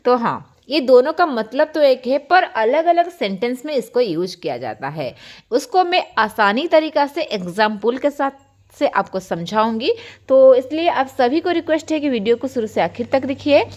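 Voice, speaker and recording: An English teacher, a young woman from India, gives an online grammar lesson at a moderate pace. Her high, animated voice swoops up and down as she patiently explains word pairs, addressing viewers as children.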